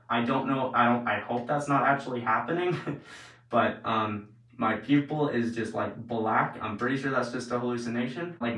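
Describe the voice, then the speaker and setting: A man's voice: medium pitch, fairly bright tone, far from the mic. A man hosting a vlog, chatting casually and informally as he explains things, often saying "like" and "basically". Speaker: host of an experiment video series. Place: indoors, later in an echoey bathroom. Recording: roomy echo.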